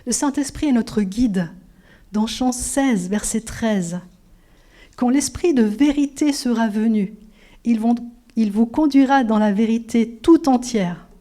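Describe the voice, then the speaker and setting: A middle-aged woman preaching in a church, telling her testimony with lively storyteller energy. Her voice is warm and mellow, dipping into near-whispers and climbing into bright exclamations. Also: fairly high pitch, measured pace. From Switzerland. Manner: animated storytelling, drops to whispers and rises to exclamations. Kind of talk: sermon with personal testimony.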